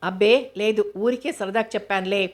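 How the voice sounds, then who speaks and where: A woman's voice: medium pitch, fairly even intonation, normal speed, close to an everyday voice. A woman reading as a curt, serious young man. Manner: irritated, terse.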